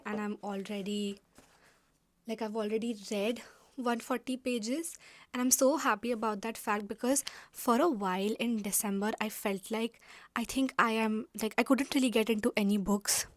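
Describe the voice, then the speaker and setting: A woman's voice: a little high, no room sound. A young woman from India vlogging casually to camera from her room, chatty and full of fillers. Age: young adult.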